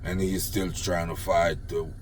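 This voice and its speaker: The deep, level voice belongs to an older man from Jamaica, a political commentator with a Jamaican accent. At a measured pace, he mocks politicians with sarcastic praise in a blunt, profane phone rant that's left unedited, with slight background noise.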